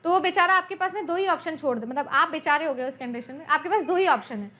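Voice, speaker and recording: A woman talks fast in a high-pitched, pushed, bright voice while delivering an exam-prep lecture. Her manner is chatty, switching between Hindi and English terms, restating points and quizzing students as she goes.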